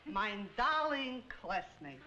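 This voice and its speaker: A woman's voice: on the high side, very animated, slow pace, muffled recording. An actress playing a fussy immigrant woman student who mixes up her V and W sounds. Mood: earnest. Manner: swaps V and W, drawn out. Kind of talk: 1960s sitcom acting. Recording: hissy, roomy old TV soundtrack.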